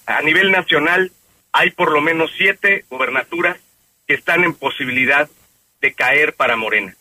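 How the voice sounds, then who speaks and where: A Mexican man speaking formally and with care on a radio political panel. His voice sits a little high and sounds very bright, recorded close and dry. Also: no room sound, poor audio. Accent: Mexican Spanish. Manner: formal, measured phrasing.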